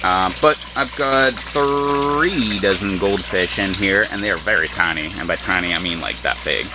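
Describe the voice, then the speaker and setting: Lowish voiced guy rambling casually on a garden vlog, offhand, water n pump noise behind. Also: normal speed. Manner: offhand, self-deprecating. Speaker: gardening vlogger. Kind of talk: casual, unscripted walk-around chat. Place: small greenhouse garden beside running water. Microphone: handheld camera mic. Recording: handheld camera, clear water and pump noise.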